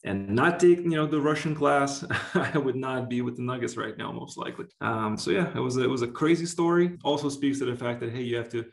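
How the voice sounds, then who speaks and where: A Lithuanian basketball executive, appearing as an interview guest, gives casual, earnest answers in a conversational, emphatic manner. His voice is medium-pitched, brisk, and creaky, and the recording sounds roomy and echoey.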